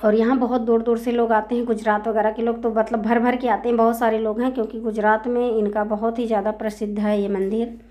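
A vlogger from India tells of a temple visit in a casual travel voice-over recorded separately, chatty and heavy on fillers. Her warm voice is on the high side with little pitch movement, fairly quick, and her sore throat causes an occasional cough.

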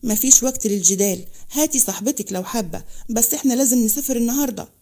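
Woman doing a curt, decisive young man with an Egyptian accent; fast mellow read. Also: on the high side. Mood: firm. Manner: firm, curt.

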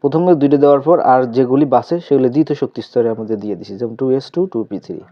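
A man teaching a chemistry lesson step by step with a Bangladeshi Bengali accent, asking questions aloud and answering them himself. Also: medium pitch. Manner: asks questions aloud then answers, repeats terms slowly. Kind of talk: step-by-step tutorial explanation. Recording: slightly dull lo-fi recording.

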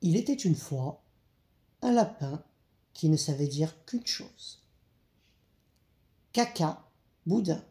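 A woman reading a children's storybook aloud, slowly and expressively. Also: deep voice. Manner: slow, deliberate and expressive. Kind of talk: children's audiobook narration. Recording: echoey room.

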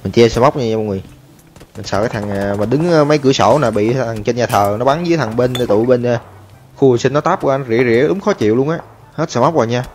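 A man giving excitable, chatty commentary over his own gameplay, talking to viewers and taunting enemies. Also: mid-range voice, fast, slight background noise. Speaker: gaming streamer. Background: game music and gunfire.

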